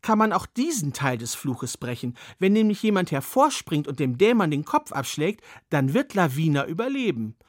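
A man voicing a calm old woman who explains how to break a curse, in a storybook reading. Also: fairly high pitch, moderate pace, hardly any pauses, no room sound, clean studio sound. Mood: reassuring.

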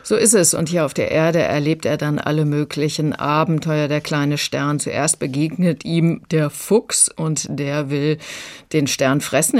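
A woman's voice: sits low, darkish tone. Woman retelling a children's story. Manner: chatty, retelling a plot. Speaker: book critic. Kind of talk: radio discussion.

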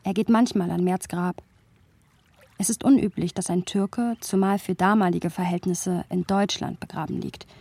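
Speaking in a fairly low, dark voice with vocal fry and a breathy edge, an actress plays a thoughtful, playful young woman remembering a close male friend in a literary radio play. Her intonation stays fairly even at a moderate pace, the mood sober and reflective, on a dry recording. The scripted narration includes lively dialogue.

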